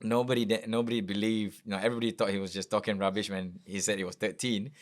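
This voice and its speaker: A man hosts a casual interview in a lowish voice. He is laid-back and slangy, and asks his questions loosely. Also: little pitch movement, fast talker. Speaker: podcast host.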